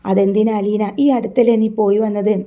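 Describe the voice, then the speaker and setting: A woman's voice: medium pitch, little pitch movement, fairly quick, dark tone, lightly acted. A woman voicing an impatient man who bluntly insists on his way. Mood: insistent. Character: impatient adult man, husband.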